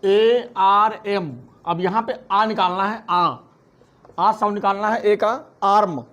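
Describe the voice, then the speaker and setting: A man teaching a phonics lesson, spelling words out letter by letter and then saying each one slowly. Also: high-pitched, fairly even intonation, a bit bright. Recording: dull lo-fi recording.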